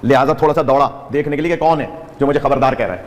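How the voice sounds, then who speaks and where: A man preaching at a religious gathering, telling a story with animation, chanting devotional phrases and urging listeners to stay awake. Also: mid-range voice. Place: large gathering hall with audience. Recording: long hall reverb.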